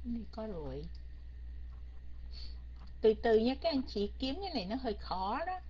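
A woman's voice: on the high side, very animated, normal speed, a little mellow, muffled recording, slight background noise. A woman teacher leading an online English grammar lesson, coaxing and quizzing her students and slipping English words in.

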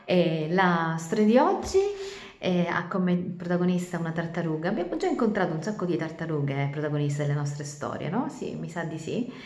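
A woman teacher reading a children's storybook aloud, chatting with the kids between passages. Her voice sits on the low side yet swings widely and expressively. The room adds a clear echo. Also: expressive, moderate pace, darkish tone. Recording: roomy echo.

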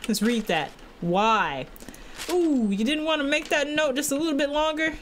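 A woman's voice: high-pitched, normal speed, slight background noise. A young woman giving casual horror game commentary as a scared streamer, rambling with nervous sarcasm and slang and often repeating herself. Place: small indoor room at a desk.

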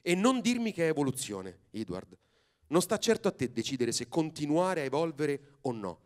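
A man's voice: a little high, very animated, moderate pace. A man voicing a pompous, grumpy old ape-man uncle who lectures with contempt, in a live reading with music. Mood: scornful. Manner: scornful, thundering, lecturing.

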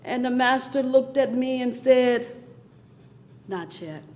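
A woman preacher tells a sermon story with a high voice and an unhurried pace. She swings between hushed passages and loud, dramatic peaks. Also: completely flat delivery.

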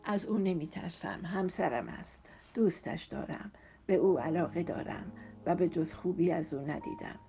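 A woman voicing a worried middle-aged mother who pleads softly and quietly in an audiobook. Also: on the low side, gravelly, faint music behind. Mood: pleading. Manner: soft, hushed and imploring.

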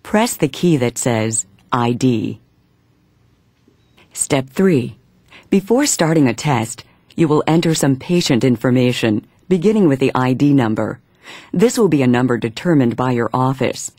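A man's voice: medium pitch, animated, darkish tone, no room sound. Man narrating instructions in dry studio sound. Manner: measured, step-by-step.

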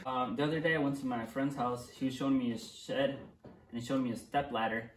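A man's voice: medium pitch, steady tone, brisk. A young man telling dad jokes casually, with a setup and then a short punchline. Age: young adult. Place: small indoor room, seated at table. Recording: roomy echo, distant mic, faint noise.

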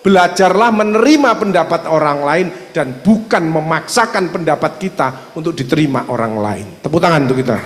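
A man with an East Javanese accent, a doctor giving an animated religious health seminar talk, acting out dialogues. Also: a little high, a little fast, hardly any pauses, slight background noise. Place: seminar hall. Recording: echoey hall reverb.

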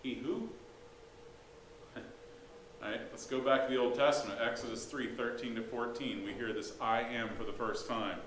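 A pastor preaches a sermon in a church sanctuary in a conversational, folksy way, with rhetorical questions and casual asides. His mid-range voice is steady, a bit bright, and brisk with few pauses, and the room is echoey with faint background hiss.

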